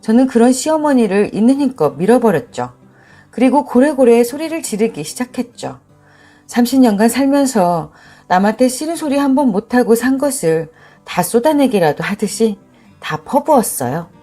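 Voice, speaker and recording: A woman narrating a first-person story on a story radio channel, speaking with a fairly high voice. Her delivery is expressive and emotionally charged, rising and falling a lot in pitch as she recounts events. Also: normal speed, faint music behind.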